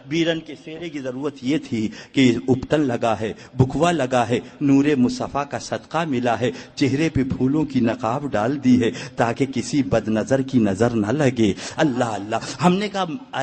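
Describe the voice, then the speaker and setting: A man's voice: medium pitch, a little mellow. A middle-aged man from India giving a fiery religious speech, telling stories, acting out dialogue in voices and poking fun. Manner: acts out dialogue in voices, mocking humor. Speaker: religious preacher.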